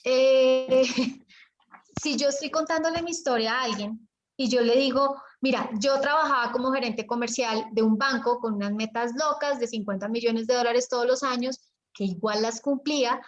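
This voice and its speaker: Colombian lady coaching over a video call, highish voice, kinda muffled lo-fi sound, animated and chatty. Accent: Colombian Spanish. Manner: chatty and animated, acts out examples with pauses and lowered tone. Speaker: business coach leading an online workshop.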